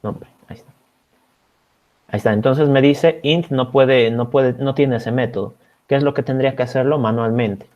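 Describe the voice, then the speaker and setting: In an online programming class, a Bolivian teaching assistant steps through code and keeps checking that his students are following. He talks at normal speed in a mid-range, slightly mellow voice. The sound is from a video call and a little dull.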